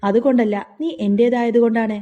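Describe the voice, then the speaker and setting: A woman narrator reading the lines of a calm, authoritative middle-aged man, head of the family, reassuring and declaring. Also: on the high side, a little fast, big-room sound, highs cut off, lightly acted.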